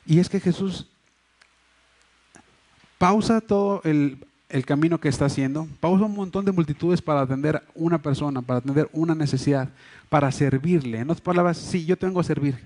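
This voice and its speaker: A male pastor with a Mexico City accent delivers a live church sermon. His voice sits a little high for a man, and he talks in an earnest, explanatory way, often restarting phrases and pausing on fillers as he works through each point. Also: a little mellow. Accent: Mexico City Spanish. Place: church hall. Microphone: livestream microphone.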